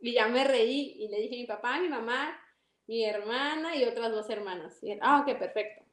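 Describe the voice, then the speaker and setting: A young woman with a Mexican accent tells her story animatedly and acts out each exchange with a high, bright voice. Her voice rings in an echoey room. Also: normal speed. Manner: animated, acts out dialogue, laughs often. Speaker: interview guest. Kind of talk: casual storytelling.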